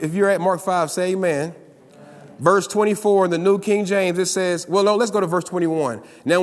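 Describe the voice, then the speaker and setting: High-voiced preaching man in a reverberant hall. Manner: preaching with call-and-response, rising to loud emphatic peaks. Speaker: pastor. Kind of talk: sermon.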